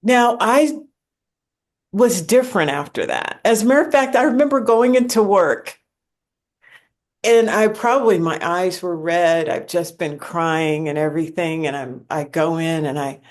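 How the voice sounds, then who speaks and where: A woman's voice: fairly low pitch, a little slow. A woman in her forties, the host, telling a personal story in an earnest, reflective way. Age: 40s.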